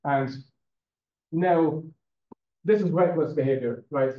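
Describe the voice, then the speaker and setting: A man's voice: fairly high pitch, slow. A male university lecturer giving a classroom lecture in a conversational way, often checking in with "okay?" and fillers. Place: lecture room. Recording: roomy, dull lecture-room recording.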